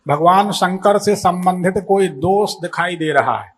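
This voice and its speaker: A man with a high voice acts as an astrologer on a call-in consultation. He talks assertively, asks leading questions and cuts the caller off. A faint hiss sits under the recording. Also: a little slow.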